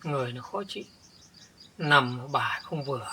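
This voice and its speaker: A man's voice: mid-range voice, lively intonation, moderate pace, bright, forceful tone, a little hiss or hum. A man playing an older village man thrown out by his jealous wife, who stumbles and repeats words when upset. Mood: weary. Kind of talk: village family drama acting.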